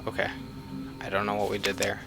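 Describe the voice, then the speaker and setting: A man giving casual, rambling commentary while playing a horror game, often with fillers and low mutters. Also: monotone, fast talker, over music. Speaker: game reviewer. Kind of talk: casual let's-play commentary.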